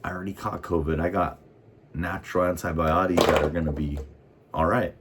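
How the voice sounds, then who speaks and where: Man, American, casual vlog rant, heated and profane, extremely deep voice. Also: steady tone, a little fast, very noisy. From United States. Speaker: vlogger. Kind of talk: casual ranting monologue.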